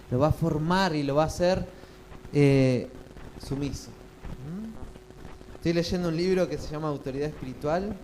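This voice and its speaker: A man's voice: on the high side, darkish tone, slight background noise, poor audio. A male pastor, preaching a sermon and often asking the congregation questions. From Chile. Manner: asks the congregation frequent questions.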